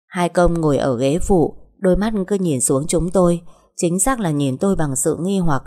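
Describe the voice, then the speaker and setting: Low-voiced woman narrating a story. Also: mellow. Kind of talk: first-person story narration.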